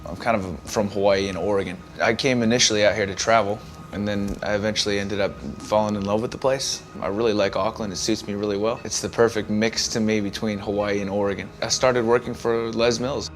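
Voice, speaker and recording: A man's voice: lowish voice, fairly even intonation, brisk. A young man from the United States speaking in an easygoing, plain-spoken way about his fitness work and boxing. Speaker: fitness consultant and amateur boxer. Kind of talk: casual interview talk. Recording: faint music underneath.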